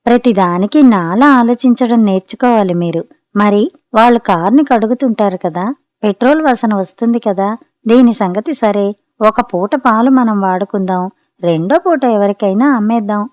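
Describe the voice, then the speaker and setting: A woman's voice: medium pitch, moderate pace, a little mellow, no echo, studio quality, close to an everyday voice. A woman reader voicing a playful, stubborn young wife who coaxes and wheedles, in a storybook reading. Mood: boastful. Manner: coaxing, wheedling.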